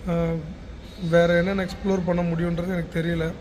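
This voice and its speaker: Filming a casual travel vlog at a crowded international airport, this man, a business founder from Chennai, India, speaks with a Tamil Nadu accent. His voice sits high with a somewhat dark tone, staying level while he talks briskly. Plenty of airport noise is clearly audible around him.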